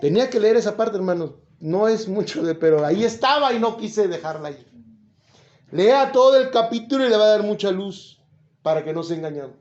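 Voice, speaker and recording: A man's voice: high voice, expressive, brisk, a little mellow. A man with a Mexican accent preaching informally from the Bible, chatty and joking, asking his listeners questions. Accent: Mexican Spanish. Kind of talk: informal Bible teaching to a congregation. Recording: echoey room, slightly dull sound.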